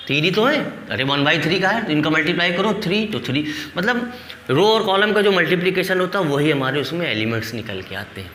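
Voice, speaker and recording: Male maths teacher, bright and forceful, coaxing quiz-and-answer delivery, recorded in a reverberant classroom. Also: fairly high pitch, slight background noise. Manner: asks the class questions and answers them himself, counts aloud; addresses students as "beta", coaxing. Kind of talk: classroom board lesson. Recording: echoey hall, mic from a distance.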